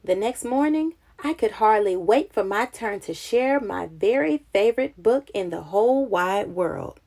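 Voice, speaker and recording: A woman with a medium-pitched, creaky voice reads a children's picture book aloud in an unhurried way. She gives the story an expressive, dramatic, childlike treatment.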